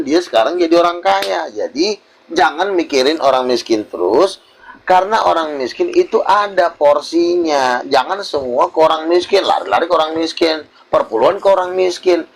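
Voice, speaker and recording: A man, a preacher lecturing bluntly in a heated group discussion. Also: normal speed. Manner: blunt, lecturing, interrupts often; mimics others in higher voice. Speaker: pastor in online debate.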